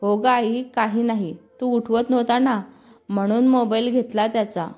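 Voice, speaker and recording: A woman's voice: on the high side, steady tone, normal speed, dark tone, highs cut off, faint music behind, natural voice. A woman voicing a cheeky younger sister who teases her brother. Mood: teasing. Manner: teasing, cheeky.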